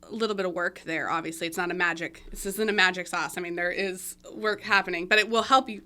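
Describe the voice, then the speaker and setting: Bright-voiced chatty woman. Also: fairly low pitch, fairly even intonation, fast talker. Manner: chatty, laughs often, lots of fillers. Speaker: marketing agency guest. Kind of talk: casual podcast interview. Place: room, eating during recording. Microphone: podcast mic.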